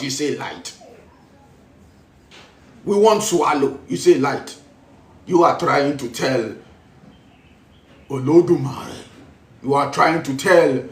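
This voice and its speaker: A man's voice: on the high side, fairly bright tone. A man with a Ghanaian accent giving a spiritual teaching talk, preaching in a repetitive way as he switches between Twi and English. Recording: roomy echo, voice from a distance.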